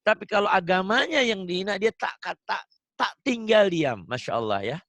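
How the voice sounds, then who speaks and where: A man teaching the Quran online chants verses slowly and melodically. He explains them in an animated, emphatic way, with his voice rising sharply on key points. His voice sits high for a man, and the sound is dry and close to the mic. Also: no echo. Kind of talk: Quran recitation and religious teaching. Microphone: video call.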